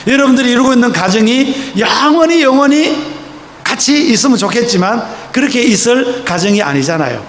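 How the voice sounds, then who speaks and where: A high-pitched man preaches with fervor in a church sanctuary, his voice carried by a long, echoing reverb. Faint room ambience hums underneath as he tells stories, easing into softer, slower tones for quoted lines. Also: animated, slight background noise. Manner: impassioned storytelling, slows and softens for quoted voices. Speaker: pastor. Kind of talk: sermon.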